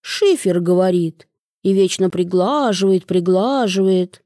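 A woman's voice: fairly low pitch, unhurried, mellow, no echo, clean studio sound, lightly acted. Woman doing a jokey forty-something uncle. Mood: fond grumbling. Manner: teasing, chummy. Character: cheerful joking middle-aged man, 43.

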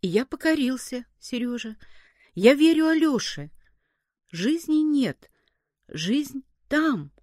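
A woman voicing a brooding, anguished young boy in a story reading, slow and pondering. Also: a little high, darkish tone, dry recording, clean studio sound. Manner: slow, pondering, then crying out.

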